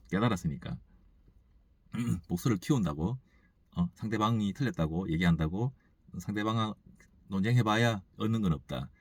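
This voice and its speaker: Man, lowish voice, dry room, musing monologue, many restarts, emphatic at points. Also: darkish tone, dry recording. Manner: musing and halting, thinks aloud with frequent restarts. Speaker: store owner. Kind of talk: reflective morning monologue.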